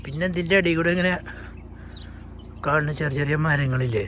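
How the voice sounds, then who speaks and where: A man with a Malayali accent talks casually to his viewers in the manner of a travel vlogger. His voice sits a little high, and he drops English words into his Malayalam. The recording is outdoors, with clear background noise. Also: a little fast, a bit bright. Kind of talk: casual travel vlog chat. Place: outdoors in the open. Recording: noisy outdoor recording with animal and vehicle sounds.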